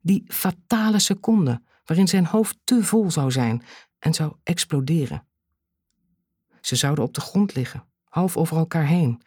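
Narrating a dark thriller audiobook, this husky voice has a lively pitch and a measured delivery punctuated by dramatic pauses. The sound is dry and close, with no echo.

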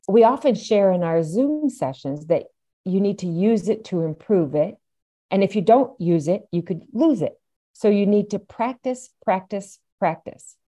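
A woman's voice: medium pitch, animated, moderate pace, dark tone. A middle-aged or older woman, explaining things as an interview guest and stressing key points emphatically. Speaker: podcast guest, aphasia advocate.

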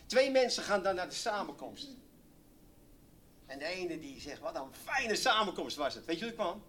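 A man preaching a sermon, swinging from loud exclamations to hushed, near-whispered lines. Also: high voice, sing-song, normal speed, slight background noise.

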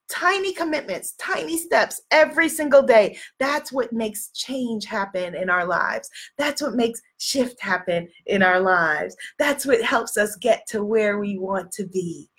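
Sniffly with a cold, a woman leads a motivational livestream as a spiritual life coach. She sounds a little high, a bit bright and husky, and she encourages her audience emphatically, repeating phrases and affirmations to drive them home.

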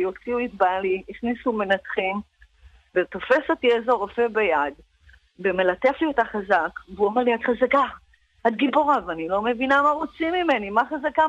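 A woman's voice: on the high side, a bit bright, dry recording. A woman guest on a radio show, recounting a personal experience with feeling and repeating words for emphasis. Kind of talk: emotional personal testimony. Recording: dull dry radio recording.

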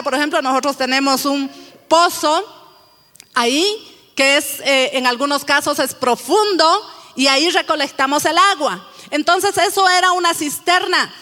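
A woman's voice: high-pitched, pushed and bright, long reverb tail. A woman pastor from Bolivia with a Bolivian Spanish accent, preaching a fervent sermon and stretching out stressed words.

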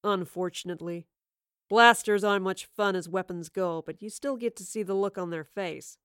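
A woman voicing a cruel, sly male villain who taunts in slow, purring, gloating tones. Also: medium pitch, a bit bright, smooth, no room sound, studio quality, natural voice. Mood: taunting.

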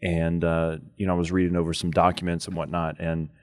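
A man's voice: sits low, completely flat delivery, fairly quick, no echo, clean studio sound. A middle-aged man talking with braces in his mouth, hosting a show with casual chat and anecdotes. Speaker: podcast and radio show host.

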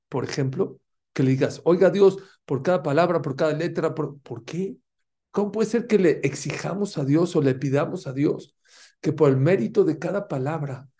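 A man's voice: medium pitch, dark tone. A man giving a fervent religious lesson, asking his listeners rhetorical questions and mixing Hebrew terms into his talk. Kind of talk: Torah lesson.

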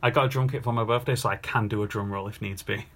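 A man's voice: fairly low pitch, fast talker. A man hosting a podcast in casual chat, running a quiz with jokes and teasing. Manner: jokey, teasing, lively.

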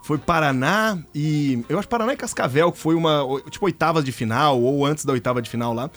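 A man's voice: fairly high pitch, brisk. A man in his thirties, a radio guest, telling funny stories in casual chat and laughing often. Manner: lively storyteller, laughs often.

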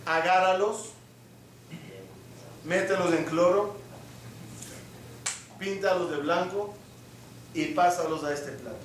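A man's voice: high voice, fairly even intonation, slow pace, long pauses, distant mic, a little hiss or hum. A man giving a sermon as a rabbi, asking the listeners questions and acting out little scenes to make his point. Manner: asks the audience questions and acts out little scenes. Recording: echoey hall, mic from afar.

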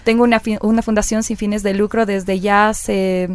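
A woman's voice: normal speed, no room sound. A woman radio presenter in her thirties telling her story in a casual interview, acting out the dialogue she recalls. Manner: lively, acts out quoted dialogue with rising pitch.

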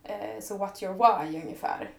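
A woman speaking as a podcast guest, earnest and heartfelt, letting her thoughts run on in long flowing sentences. Her voice sits at an ordinary middle pitch. The room around her rings with a noticeable echo. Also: creaky. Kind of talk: reflective personal conversation.

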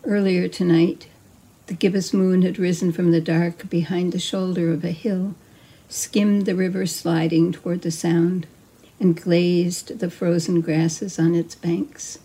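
A woman's voice: fairly low pitch, flat delivery, a little slow, warm tone, slightly rough, low-quality recording. A woman reading her poem. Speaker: poet. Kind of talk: poetry reading.

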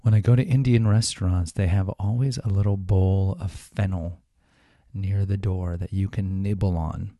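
A man hosts a podcast alone, talking casually and informally, with fillers and self-corrections. His voice is deep and dark, steady in tone, at a moderate pace. The studio-quality recording has no room sound.

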